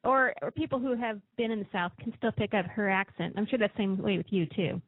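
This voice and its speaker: A woman's voice: medium pitch, no room sound, phone-quality sound. A woman hosting a radio show, interviewing her guest in a friendly, chatty way. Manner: friendly, chatty, fast-talking.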